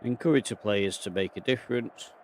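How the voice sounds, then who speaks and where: A man's voice: on the low side, fairly quick, a little hiss or hum. Breathless man commentating a game. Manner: thinking aloud, reacting to match moments. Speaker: video game player and channel host. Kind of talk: casual commentary over a football management game.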